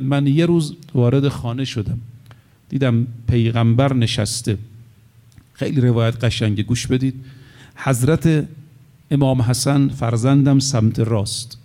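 Middle-aged guy preaching, emphatic, repeats himself, slows right down for arabic quotes. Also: mid-range voice, dark tone. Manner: emphatic, repeats key phrases; quotes Arabic texts slowly and deliberately. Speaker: cleric preacher. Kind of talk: sermon.

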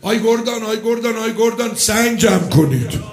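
A man's voice: sits high, expressive, voice pushed up. A man acting out a cruel, scornful enemy army commander who barks orders and insults his men. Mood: commanding. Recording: echoey hall with faint music.

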